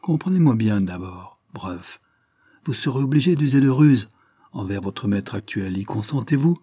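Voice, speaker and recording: A grave aristocratic lord speaks with measured, solemn authority, read by a male narrator. The voice is low and husky. The sound is dry and close. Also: animated, warm tone, no room sound.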